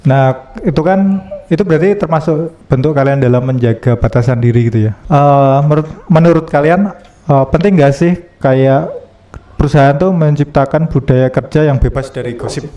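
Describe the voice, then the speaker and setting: A man's voice: on the high side, moderate pace, mellow, echoey room. A man hosting a casual office podcast chat, asking probing follow-up questions and tossing in frequent okays. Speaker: podcast host.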